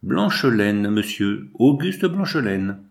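A man's voice: on the low side, big pitch swings, slow pace, creaky, full character voice. A man voicing a sly, insistent male business agent in an audiobook, with an eager, self-assured manner. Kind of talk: audiobook character voice.

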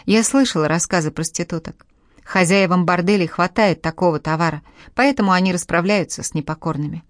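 A woman's voice: on the low side, fairly quick, no echo, studio quality, natural voice. A woman reading the part of a frightened young captive who mumbles through tears in an audiobook. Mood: tearful despair. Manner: tearful, mumbling.

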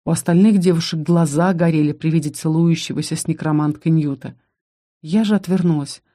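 A woman narrating a first-person audiobook with expressive storytelling. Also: low voice, a little fast.

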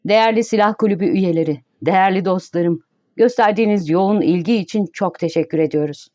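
A woman reading the lines of a male club president who speaks in a loud, ceremonious way in a storybook. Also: medium pitch, quick pace, no room sound, clean studio sound, lightly acted. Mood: solemn.

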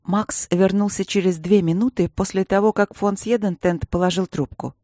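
An audiobook narrator reading a fantasy novel in a steady, even way. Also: mid-range voice, normal speed, no echo, studio quality. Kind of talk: scripted narration.

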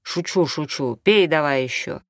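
A man's voice: a little high, moderate pace, fairly bright tone, dry recording, studio quality, natural voice. A man reading an audiobook, voicing a brash, hard-drinking doctor who jokes and orders people about. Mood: bossy. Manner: jokey, bossy, offhand.

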